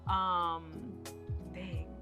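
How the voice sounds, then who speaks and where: A woman's voice: fairly low pitch, little pitch movement, drawn-out words, muffled recording, music in the background. A young woman hosting a casual podcast chat, giggly and full of questions. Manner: giggly, chatty, asks lots of questions. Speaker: podcast host.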